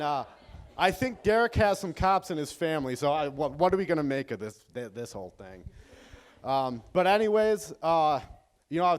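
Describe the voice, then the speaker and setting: A man's voice: mid-range voice, smooth. A man giving a wedding toast for an old friend, hesitant with many fillers and wry jokes. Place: wedding venue.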